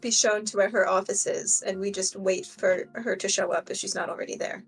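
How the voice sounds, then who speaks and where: A woman's voice: mid-range voice, fairly even intonation, brisk, husky, faint music behind, poor audio. A young woman playing a tabletop game, giggly and chatty, asking many questions. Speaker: player. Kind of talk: casual tabletop play.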